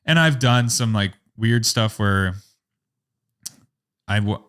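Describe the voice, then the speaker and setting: A young man, a photographer, telling a story in a casual podcast interview, rambling and animated, with a lot of "like" and acted-out quotes. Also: fairly low pitch, takes it slowly, clear, resonant tone. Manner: animated, rambling, heavy use of "like", acts out quotes. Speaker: photographer and business owner, podcast guest.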